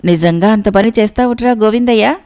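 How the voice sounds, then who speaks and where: A woman's voice: mid-range voice, a little fast, a little mellow, close to an everyday voice. A woman voicing Nandayya, a timid male porter who whines that he is afraid to go. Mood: whiny. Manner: whiny and fearful.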